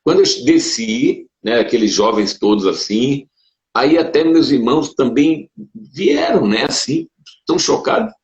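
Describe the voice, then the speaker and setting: A man, a Brazilian pastor, telling his conversion story in a casual conversation, animated and emotional, with sudden leaps up in pitch. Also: measured pace. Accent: Brazilian Portuguese. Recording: dull roomy sound.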